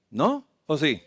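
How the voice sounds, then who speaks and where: Fairly high in pitch with a breathy edge, a man preaches at a church camp meeting, mixing medical slides into his scripture. The preacher and health lecturer repeatedly poses rhetorical questions to his listeners.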